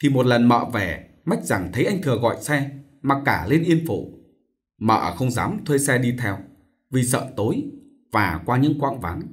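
A man reading a novel aloud as an audiobook narrator, in expressive, measured storytelling. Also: medium pitch.

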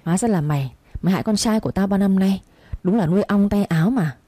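A woman voicing an outraged older first wife who shouts accusations. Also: mid-range voice, quick pace, husky, no room sound, natural voice.

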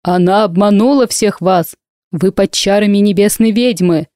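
A woman's voice: medium pitch, normal speed, dark tone, no echo, clean studio sound, natural voice. Woman voicing a fierce accusing male warrior. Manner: harsh, accusing declamation. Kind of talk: audiobook character reading.

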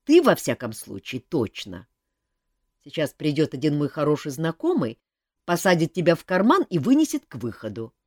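A woman voicing a gruff adult male hero who grumbles and answers with curt sarcasm. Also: low-pitched, very animated, moderate pace, a little mellow, dry recording, studio quality. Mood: grumbling.

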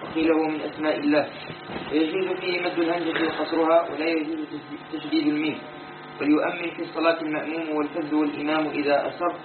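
A man reading a religious commentary aloud in a rapid, even recitation. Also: on the high side, echoey room, phone-quality sound, noisy background. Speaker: student reading the text aloud.

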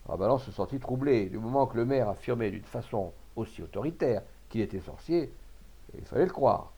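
A man narrating classic literary short stories as an audiobook reader, in a measured, expressive reading. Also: medium pitch, husky.

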